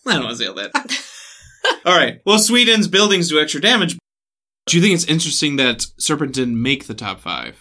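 A podcast co-host who talks in easygoing chat, often tripping over words and laughing at the slips. The voice is bright and the pitch moves around a lot. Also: big pitch swings, moderate pace. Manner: giggly, stumbling over words, playful.

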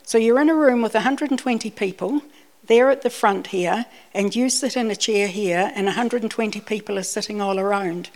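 A mid-range, slightly mellow female voice at normal speed carries a personal sermon rich in anecdotes. The speaker, from Scotland and raised in New Zealand, keeps it conversational and doubles back on words when restarting.

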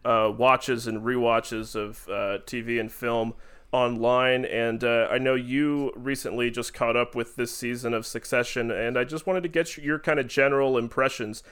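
Man, mid-pitched, podcast host, fluent and welcoming, steers the chat. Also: steady tone, moderate pace, fairly bright tone, smooth. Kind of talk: casual chat.

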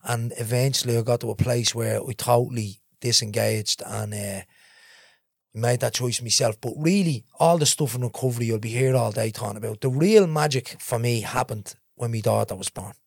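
A man's voice: medium pitch, normal speed, gravelly, no echo, studio quality. A middle-aged man with a Dublin accent, a podcast guest telling his life story candidly and with animation. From Ballymun, Dublin, Ireland. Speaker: interview guest.

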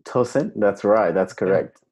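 A man's voice: lowish voice, measured pace, a little mellow. A man hosting a podcast interview in casual chat, enthusiastic and rambling, heard over a video call. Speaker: podcast host.

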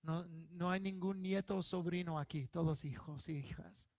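High-voiced, unhurried preacher man. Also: fairly even intonation, no room sound. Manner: emphatic preaching, swelling to loud stressed lines. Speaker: pastor. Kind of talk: sermon.

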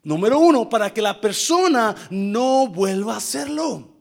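A man preaching a sermon to his church, animated, acting out what people say in shifting voices and dropping in English fillers. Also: sits high, moderate pace, creaky. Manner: animated, acts out quoted speech in shifting voices. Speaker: pastor.

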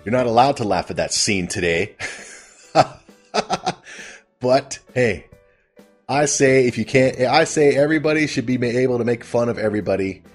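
A man's voice: medium pitch, expressive, normal speed, long pauses, soft background music. A man hosting a casual comedic recap of a TV episode, rambling and amused at his own retelling. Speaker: host.

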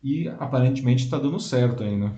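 A man with a mellow, darkish voice talks through the topic as co-host of a live show. He explains at length and keeps checking in with little tag questions. The sound is roomy and echoey. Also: mid-range voice, a little fast, lo-fi sound. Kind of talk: casual commentary on a live show.

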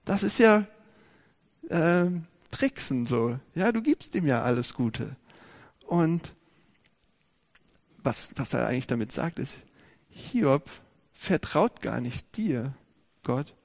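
A man preaching a sermon, speaking lively and directly to his congregation with many rhetorical questions. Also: on the high side, slow pace, vocal fry, pauses often.

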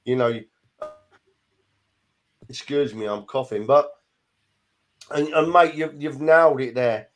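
A man's voice: mid-range voice, slow pace, pauses often. A man chatting casually about football on a podcast, emphatic and full of "you know". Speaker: podcast co-host.

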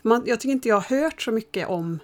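A woman's voice: fairly high pitch, animated. A woman talking casually as a parent, speaking in a thoughtful, reflective way. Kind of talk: casual podcast chat.

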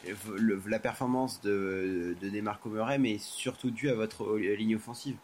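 A man's voice: lowish voice, moderate pace, a little mellow, slight background noise. A man leading a casual podcast discussion, asking questions in a conversational way.

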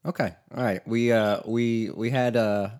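A man's voice: lowish voice, fairly even intonation, measured pace, darkish tone, smooth. A man hosting an interview podcast, asking friendly, hedged questions in a casual way and laughing easily.

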